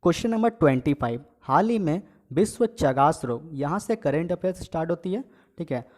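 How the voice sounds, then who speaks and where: Higher-pitched male tutor quizzing viewers. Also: animated, a little fast, a little mellow. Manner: reads questions and options aloud, then gives the answer; repeats each question and adds filler checks like "okay". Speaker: exam coaching teacher. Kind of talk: casual quiz lesson.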